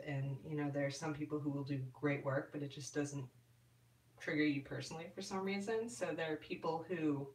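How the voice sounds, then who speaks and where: A woman hosts a casual live stream, answering viewers' comments in a chatty, easygoing way full of little fillers. Her voice sits a little low. She sounds set back from the microphone in a roomy, echoing space. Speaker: ASMR YouTuber answering live chat. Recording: roomy and distant from the mic.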